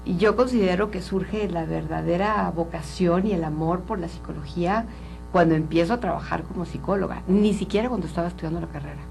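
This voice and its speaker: A woman's voice: fairly low pitch, brisk, gravelly, darkish tone, faint music behind, rough recording. A woman from Colombia, a psychologist speaking earnestly and openly as an interview guest. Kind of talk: candid interview talk.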